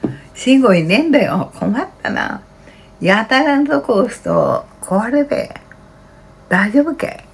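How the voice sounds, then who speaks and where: A woman's voice: a little high, very animated, a little slow, gravelly, slightly rough. An elderly woman with a rural Kanto dialect, chatting casually on a home livestream, muttering and grumbling in a flustered, plaintive way. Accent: rural Kanto Japanese dialect. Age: elderly, about 80s. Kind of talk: casual livestream chat, muttering and reading out comments. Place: small cluttered home kitchen-dining room, indoors. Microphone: handheld phone close to the face. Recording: faint room noise, handheld phone.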